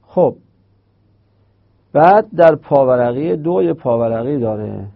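A man teaches grammar in a patient lesson. He explains step by step and repeats and stretches key terms. His voice has a gravelly edge, and the recording sounds dull and muffled. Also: medium pitch, animated. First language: Persian.

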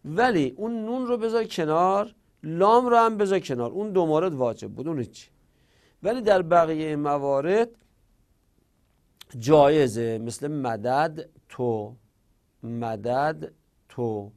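A man teaching a grammar lesson, patiently explaining rules and repeating examples slowly. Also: a little high, lively intonation. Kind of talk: classroom lecture.

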